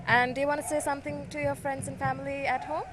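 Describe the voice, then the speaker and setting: A woman's voice: high-pitched, flat delivery, fast talker. A woman interviewing an athlete on a beach, asking friendly, slightly rambling questions. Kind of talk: live interview. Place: outdoors on a beach. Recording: noisy outdoor field audio.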